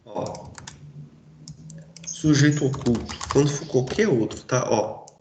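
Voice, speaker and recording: A man's voice: mid-range voice, slow, darkish tone, reverberant, a little hiss or hum. A man teaching a Portuguese grammar lesson in a casual, informal way, checking in with his students often. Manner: informal, addresses students directly with frequent checks.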